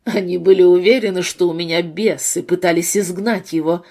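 A woman voicing a bitter, wounded husband with a low, muffled voice in a read-aloud novel. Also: fairly even intonation, moderate pace. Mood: hushed. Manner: bitter, hushed.

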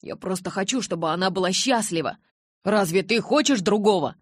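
A woman voicing a pushy young male werewolf who pleads loudly and insistently. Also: medium pitch, moderate pace, no echo, clean studio sound, voice pushed up, natural voice. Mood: pleading.

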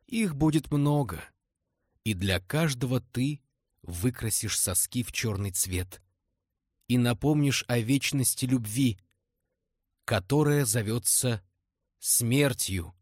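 A man's voice: mid-range voice, lively intonation, dry recording, studio quality. A man voicing a dying old temple-dancer woman. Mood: solemn, prophetic. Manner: slow, solemn prophetic delivery.

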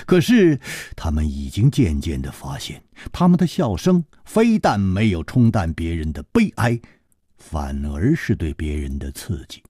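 A man's voice: low voice, measured pace, breathy edge, no echo, studio quality. A man reading a martial-arts novel aloud in radio storytelling style, acting out every character. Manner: expressive, acting out many characters. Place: studio. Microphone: studio mic.

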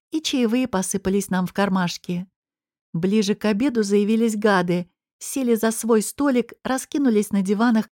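A woman narrating a first-person audiobook in a lively storytelling manner. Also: fairly high pitch, dry recording, studio quality.

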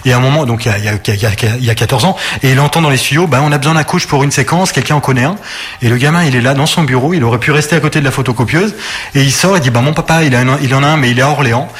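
Brief: forties male sports coach, quick chatty delivery, lots of false starts, mid voice. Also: medium pitch, a bit bright. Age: 40s. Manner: quick, stumbling restarts and repeated words. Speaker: sports coach and TV fitness columnist guest. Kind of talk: casual radio interview.

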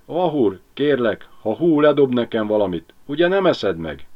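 A man voicing a small, humble, hungry crow in a high pleading whine, on a dull lo-fi recording. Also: very animated.

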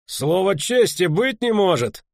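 A man's voice: sits high, sing-song, vocal fry, no echo, clean studio sound, pitched above the performer's own voice, heavily acted. A man voicing a pompous, blustering male knight who bellows and drags out his words. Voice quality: loud, drawn-out, bellowing.

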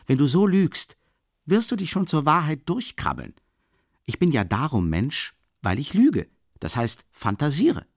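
A male reader putting on a drunk, excitable young man who rants at the top of his voice. The voice jumps high and swings widely, with a gravelly edge, in a dry, close sound. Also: measured pace, dry recording, exaggerated voice. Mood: ranting. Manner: fervent, ranting, shouting.

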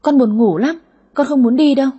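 A woman voicing a greedy, sulky daughter in her thirties with a high, whiny voice in an audio story. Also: a little fast, warm tone, husky, highs cut off. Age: 30s. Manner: whiny, cheeky.

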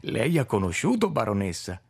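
A man voicing an excitable, tearful male paleontologist who speaks in clipped, broken phrases. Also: lowish voice, moderate pace, husky, exaggerated voice. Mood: sly. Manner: clipped, ungrammatical foreign-sounding phrases.

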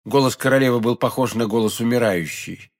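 A classic novel is read aloud in audiobook form by a man with a mid-range voice, who narrates in a measured, expressive manner.

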